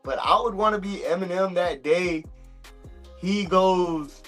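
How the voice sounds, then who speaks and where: A man in a casual chat, reflecting and thinking out loud. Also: sits high, measured pace, soft background music. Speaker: guest.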